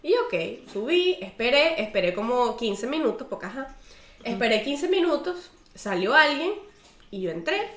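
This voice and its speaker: A woman with a Venezuelan accent, co-hosting a podcast and telling a story in animated, slangy casual chat. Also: on the high side, normal speed, echoey room. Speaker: podcast host.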